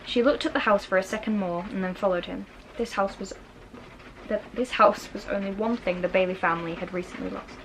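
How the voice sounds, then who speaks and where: A woman reads a children's novel aloud as a storybook narrator, her medium-pitched voice moving a little fast. It's a noisy recording, and rain can be heard in the background.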